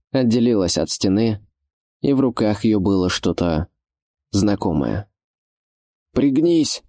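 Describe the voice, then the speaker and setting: Low-voiced male audiobook narrator. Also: darkish tone, no room sound, studio quality. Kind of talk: scripted fantasy narration.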